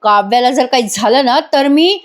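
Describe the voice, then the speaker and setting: A woman's voice: high voice, moderate pace, natural voice. A worried young man calls out urgently and presses for answers, as a woman narrator voices him. He sounds protective and on edge. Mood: anxious.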